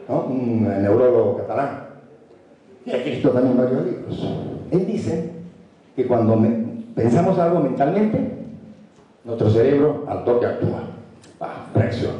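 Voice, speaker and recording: A man giving an animated motivational talk to a university audience, repeating words for emphasis. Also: medium pitch. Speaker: motivational speaker. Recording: echoey hall, speaker far from mic.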